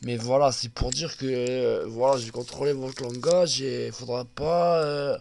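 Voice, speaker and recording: A man's voice: mid-range voice, steady tone, measured pace, gravelly, darkish tone, a little hiss or hum. A man telling a comedy story in a rambling way, full of fillers and hesitations. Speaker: comedian narrator.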